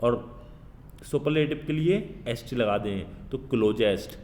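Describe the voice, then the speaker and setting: A man teaches grammar to young pupils in a patient, fatherly way, with an Indian English accent. He slows down to read the English rules aloud word by word. His voice rings in a bare room with a long echo. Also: medium pitch, a little mellow, a little hiss or hum. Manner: addresses pupils as children, fatherly. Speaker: school teacher. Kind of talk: recorded grammar lesson. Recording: echoey room with long reverb.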